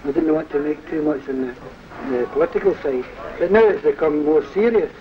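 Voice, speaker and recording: A man's voice: fairly high pitch, a little fast. A man talking casually in an interview as a union activist. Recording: dull, noisy old archive recording.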